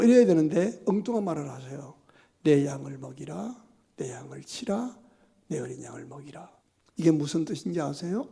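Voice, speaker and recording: Gravelly high-voiced Korean pastor preaching. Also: male voice. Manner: swings from hushed near-whispers to loud emphatic preaching. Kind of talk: sermon.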